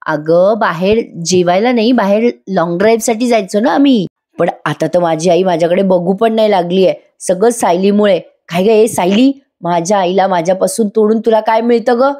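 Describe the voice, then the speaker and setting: A woman's voice: medium pitch, moderate pace, mellow, natural voice. A woman reading a spiteful jealous young woman. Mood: resentful.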